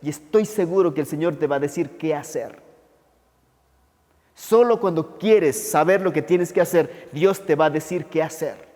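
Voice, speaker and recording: A male pastor preaching a sermon, asking his listeners rhetorical questions and slowing down for quoted words. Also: on the high side, a little mellow. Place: church hall. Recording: long church reverb.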